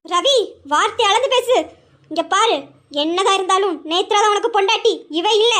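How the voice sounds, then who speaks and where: A woman playing a scheming old grandmother villain in an audio drama, piercingly high and shrill, barking insults and orders with cold scorn. She talks down to everyone around her. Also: normal speed, a bit bright. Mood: threatening. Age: older. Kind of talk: amateur Tamil audio drama.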